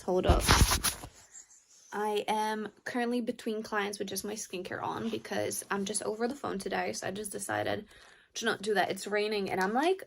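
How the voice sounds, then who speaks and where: A woman's voice: mid-range voice, creaky, fairly bright tone, slight background noise. A young woman talking casually in a reading vlog at home, chatty and emotional, laughing often. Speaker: book vlogger. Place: at home, raining outside.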